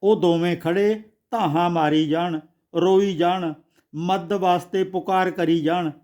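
A man's voice: sits high, fairly even intonation, a little slow, darkish tone. A man voicing a resentful young man who talks in a rude, bitter tone in a storybook. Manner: rude, blunt tone.

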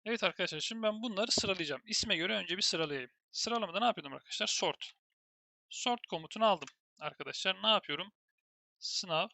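Man with a gravelly, high, bright voice. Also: lively intonation, a little fast. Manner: thinks aloud while typing, keeps addressing viewers as "friends". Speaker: programming instructor. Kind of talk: screen-recorded terminal tutorial.

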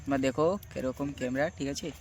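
A young man, slightly hoarse, chatting casually to viewers in a daily vlog and often asking if they are following. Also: mid-range voice, little pitch movement, fast, noisy background. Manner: chatty, keeps asking "ঠিক আছে?". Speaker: vlogger. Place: outdoors in a village, fields and lanes. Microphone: handheld phone.

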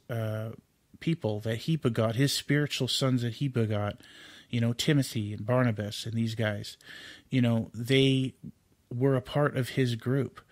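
A man's voice: medium pitch, no room sound. A man giving an informal home Bible study, earnest and unscripted, with fillers and restarts as he explains scripture.

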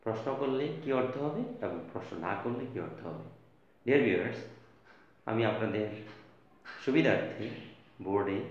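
A man teaching an English lesson at a board, spelling out letters slowly and stressing key words. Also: fairly low pitch. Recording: echoey, distant, dull lo-fi recording.

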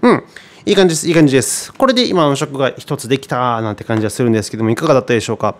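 A man teaching guitar in a relaxed tutorial, chatty and thinking aloud with many fillers. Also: mid-range voice, rapid-fire. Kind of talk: casual tutorial explanation.

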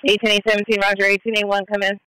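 Brisk, bright dispatcher, terse radio updates. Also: medium pitch, monotone, clear, resonant tone, dry recording, low-quality recording. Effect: police radio transmission. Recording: police scanner radio audio.

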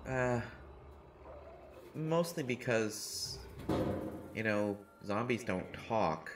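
Over loud music, a man performs a scripted audio roleplay as a shy, jittery survivor, stammering and restarting constantly while rambling self-deprecatingly. His voice sits on the low side, animated but extremely slow.

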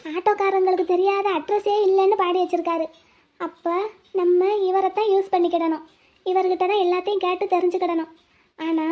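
Cartoon lead: a scheming young village woman, very high voice, muttering plans to herself. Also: a little mellow. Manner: talks to herself, pleading and coaxing. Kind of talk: cartoon voice acting, inner monologue and dialogue.

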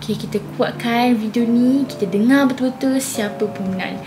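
Young woman, Malaysian accent, higher-pitched, casual chatty vlogger addressing viewers over clear background music. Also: normal speed. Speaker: video blogger. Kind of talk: casual chat to camera, unboxing and giveaway. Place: small indoor room at home.

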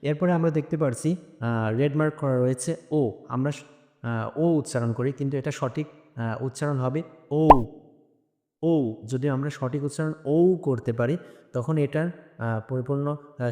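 A man from Bangladesh teaching a lesson, hesitant, with frequent "ah" fillers, repeating sounds slowly. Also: mid-range voice, warm tone. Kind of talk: spoken lesson. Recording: long echoing reverb.

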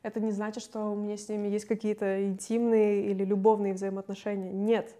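A young woman, a singer, talking candidly and casually in an interview, chatty and quick to laugh. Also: medium pitch, flat delivery, dark tone.

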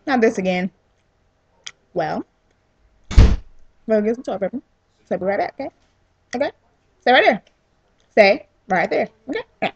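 A woman's voice: on the high side, animated, moderate pace, creaky, pauses often, breathy edge, lo-fi sound. A young woman chatting casually and playfully teasing on a home video, filmed at home on a handheld camera. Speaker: vlogger. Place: her home, indoors.

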